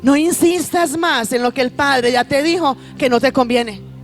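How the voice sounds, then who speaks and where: A woman pastor preaches with a high, ringing voice, urging the congregation to answer and repeat her words. She drops into a lower, conversational tone when telling stories from home. Soft music plays faintly beneath her. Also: normal speed. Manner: fervent preaching, calling on the congregation to respond. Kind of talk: sermon.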